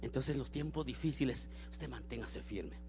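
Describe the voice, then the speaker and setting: A man preaching a sermon, swinging between loud exclamations and quiet storytelling. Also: medium pitch, moderate pace, soft background music.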